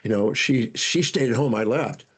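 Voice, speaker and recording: An older man, a guest speaker and educator, telling animated stories from his life in an interview, with frequent restarts. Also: medium pitch, moderate pace, slightly rough. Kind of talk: storytelling interview answers.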